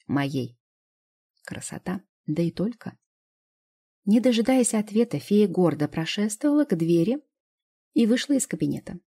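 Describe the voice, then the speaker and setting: Woman audiobook narrator: measured reading, dark, husky tone. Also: mid-range voice, big pitch swings. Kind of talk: scripted first-person narration.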